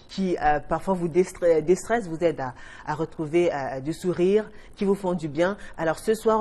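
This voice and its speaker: A woman from Cameroon, hosting a studio talk show with expressive, emphatic delivery. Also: fairly low pitch. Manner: expressive, emphatic presenting with lively swings.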